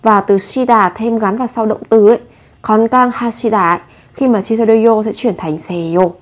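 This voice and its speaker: Higher-voiced woman teaching Korean. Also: steady tone. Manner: asks rhetorical questions, models Korean phrases slowly. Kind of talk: explaining Korean phrases in Vietnamese.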